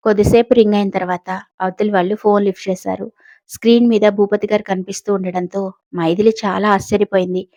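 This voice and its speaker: A woman telling an audio story, reading scripted narration in a steady, descriptive way. Her voice sits at an ordinary middle pitch, recorded close and dry with no room echo. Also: fast talker, highs cut off.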